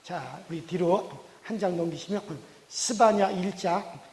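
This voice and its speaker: A man's voice: high-pitched, a little slow, darkish tone. A male pastor delivering a sermon with folksy storytelling. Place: church sanctuary. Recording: reverberant church hall.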